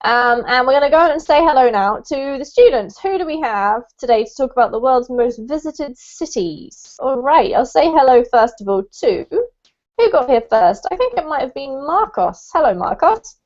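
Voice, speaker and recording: Teaching English online by video call, this woman is friendly and chatty, with plenty of ums and frequent laughter. She speaks at a normal speed in a high, sing-song voice with a darkish tone, and the audio is dull and lo-fi.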